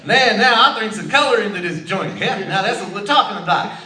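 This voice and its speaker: A man's voice: high voice, animated, fairly quick, pushed and bright, exaggerated voice. A man voicing a cocky, streetwise ventriloquist dummy with brash, slangy back-talk in a live comedy act. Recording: roomy live stage, distant mic, crowd.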